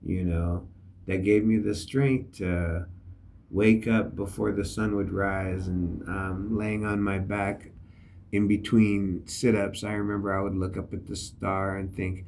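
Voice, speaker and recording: A man's voice: low-pitched, level tone, unhurried, creaky, a little mellow, slight background noise. A middle-aged man, an army veteran, telling a story in a casual, rambling way with many fillers. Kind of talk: casual spoken reflection.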